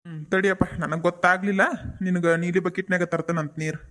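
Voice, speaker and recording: A man's voice: high voice, flat delivery, fast talker, fairly bright tone. A man voicing easygoing village farmers in a cartoon, with a North Karnataka accent. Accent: North Karnataka Kannada. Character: village farmer father and son chatting.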